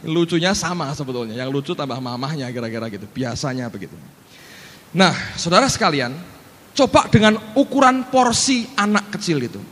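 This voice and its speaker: A man preaching a sermon, in an animated preaching style that acts out the voices he quotes. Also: a little high, brisk, long reverb tail. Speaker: pastor.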